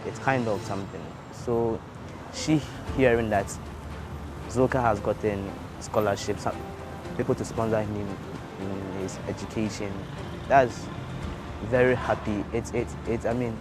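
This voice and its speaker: A young man gives an interview testimony, his voice sitting a bit low. He restarts and repeats his words as he searches for them. Music plays clearly behind him. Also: fairly even intonation, measured pace. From Ghana. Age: young adult. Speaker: scholarship student. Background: soft background music.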